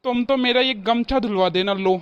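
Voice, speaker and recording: Lady doing a pushy cartoon dad-in-law, short snappy asks, smooth tone. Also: on the high side, brisk, lo-fi sound, voice pushed down, close to an everyday voice. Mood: impatient. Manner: curt, impatient requests. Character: hurried middle-aged husband and father-in-law.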